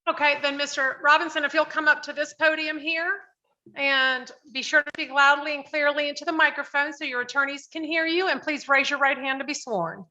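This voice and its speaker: A woman's voice: high voice, fairly even intonation, brisk, pushed and bright. A woman presiding as judge in a court hearing, giving procedural instructions, heard on a courtroom recording. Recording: dull lo-fi courtroom audio.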